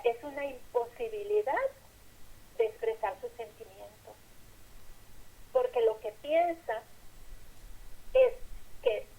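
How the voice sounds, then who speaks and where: A woman with a fairly high, mellow voice gives an earnest sermon-style lecture. She talks in short, measured phrases and acts out the lines she quotes. The sound is lo-fi and a little phone-like. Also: slightly rough.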